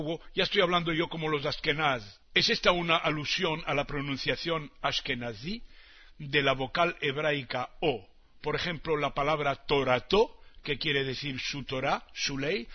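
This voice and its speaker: A man's voice: fairly high pitch, lo-fi sound. A man from Tangier, telling a teasing comic monologue to an audience and dropping in words from other languages. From Tangier, Morocco. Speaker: comic storyteller.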